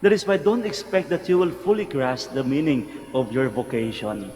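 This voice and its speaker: A man with a Filipino accent, a priest reading the gospel and preaching a slow, earnest homily at Mass in a large church with a church hall echo. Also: medium pitch, sing-song, darkish tone. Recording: long reverb of a large church.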